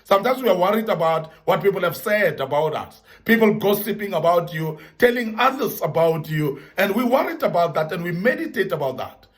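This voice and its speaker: Man, high voice, earnest motivational speaker who leans on repetition and scripture. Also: sing-song, brisk, few pauses. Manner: earnest, repetitive emphasis, Bible references. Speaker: speaker giving advice to young men. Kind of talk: motivational talk.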